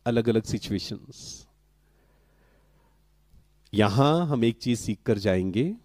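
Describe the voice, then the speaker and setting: Slow, calm man giving a spiritual talk. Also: lowish voice, gravelly, dry recording. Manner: slow, calm and questioning, asks the audience to answer; mixes in English words and phrases. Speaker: spiritual speaker. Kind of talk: spiritual talk to a live audience.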